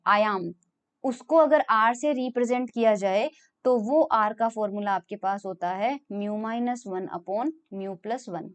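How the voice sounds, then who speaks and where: A woman's voice: fairly high pitch, a little mellow. A young woman giving a physics lecture, explaining step by step and answering her own questions as she goes. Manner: mixes English terms into Hindi. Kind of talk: recorded classroom lecture.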